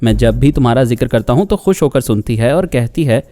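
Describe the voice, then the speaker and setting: A man's voice: medium pitch, expressive, fairly quick, mellow, dry recording, studio quality, close to an everyday voice. A man voicing a torn young man who speaks in a coaxing, placating way.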